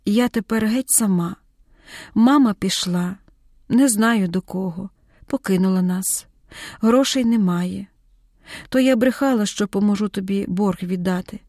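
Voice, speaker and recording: A woman voicing a worn-out, grieving young woman in an audiobook, speaking softly and subdued, in a dry close recording. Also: medium pitch, unhurried, no echo. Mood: weary. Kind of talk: audiobook character reading.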